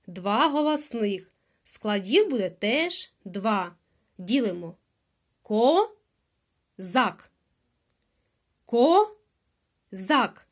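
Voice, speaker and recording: A woman with a Ukrainian accent teaching small children to hear the sounds in words, drawing out each sound and repeating every word. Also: medium pitch. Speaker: preschool teacher. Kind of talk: slow phonics lesson for small children.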